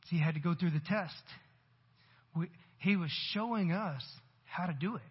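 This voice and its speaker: A pastor in his forties preaches at normal speed in a husky, fairly high voice, chatting with the congregation one moment and bursting into emphatic, rising lines the next. A long reverb fills the church sanctuary, and the recording is muffled and lo-fi.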